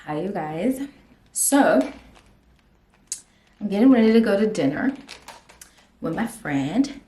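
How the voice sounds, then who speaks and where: A young South African makeup artist vlogs a storytime while getting ready at home, chatting casually, giggling and slipping in Zulu phrases. Her medium-pitched voice is slow and dark-toned with lively intonation, and the room sounds echoey.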